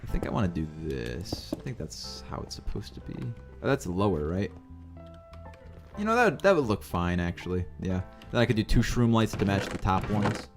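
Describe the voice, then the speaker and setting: A man's voice: big pitch swings, moderate pace, over music. A man streaming a building game, telling rambling stories in a loose, casual way and often correcting himself mid-sentence. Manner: rambling, self-correcting, swings into high mimicry. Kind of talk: casual storytelling while playing.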